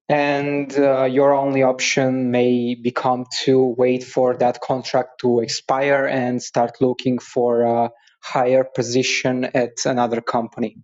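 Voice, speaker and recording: Guy calling in, slow and flat, kinda hesitant, muffled lo-fi recording. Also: medium pitch. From Bulgaria. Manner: careful, hesitant, with fillers. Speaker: caller. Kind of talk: recorded voicemail question. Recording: dull lo-fi call recording.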